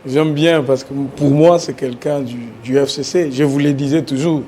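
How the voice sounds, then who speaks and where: A man's voice: a little high, steady tone, moderate pace, warm tone, a little hiss or hum. A man, a panelist in a heated televised debate, sarcastic and pointed and insisting on being heard.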